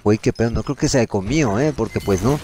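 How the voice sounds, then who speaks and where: A man with a Mexican accent giving profane, excitable commentary while playing a shooter game. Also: lowish voice, fast. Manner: excitable, swears constantly, yells at enemies. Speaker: gameplay streamer.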